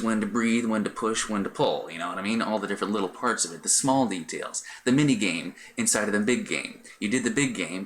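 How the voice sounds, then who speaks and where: A man's voice: low-pitched, a bit bright, a little hiss or hum. A middle-aged man chatting casually on a live stream, rambling with many fillers and restarts. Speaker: Twitch streamer.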